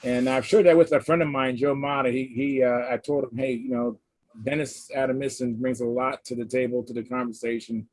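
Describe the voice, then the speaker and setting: A man hosting a casual live hangout, chatting in a halting, conversational way and reading out comments. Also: mid-range voice, level tone, darkish tone, no echo, poor audio. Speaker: host of a hobby livestream hangout. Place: live online video hangout.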